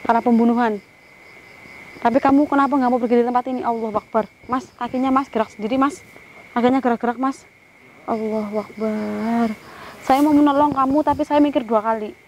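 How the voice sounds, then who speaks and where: Higher-pitched woman leading a ghost summoning. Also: steady tone, fairly quick, a little mellow, a little hiss or hum, low-quality recording. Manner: commands a spirit sternly between Islamic prayers; directs the cameraman as she talks. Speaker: ghost-hunting vlogger. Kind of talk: paranormal summoning vlog. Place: outdoors by a river.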